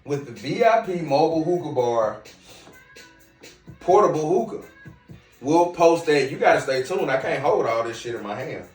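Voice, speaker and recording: A podcast host's fairly high voice carries lively intonation at a normal speed, broken by long pauses. He's brash and lecturing, with a slight Southern US twang, giving a casual monologue straight to his viewers from a hookah lounge. The mic is distant, leaving the sound roomy and off-mic, with music behind.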